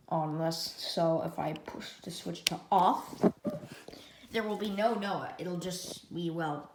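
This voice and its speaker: In an echoey room with loud noise, a woman with a slightly low voice casually demonstrates a gadget as a product reviewer. She rambles, reading the menu items aloud one by one.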